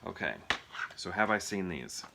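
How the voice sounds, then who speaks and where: A low, creaky, animated male voice at normal speed comes through with some background noise. Reviewing movies, he talks loosely and spontaneously to viewers, rambling and doubting himself aloud.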